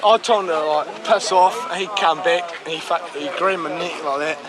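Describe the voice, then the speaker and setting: High-voiced young Kiwi man, crowded street. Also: steady tone, moderate pace, crowd noise. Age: young adult. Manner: slangy, repetitive. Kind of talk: excited, rambling street account.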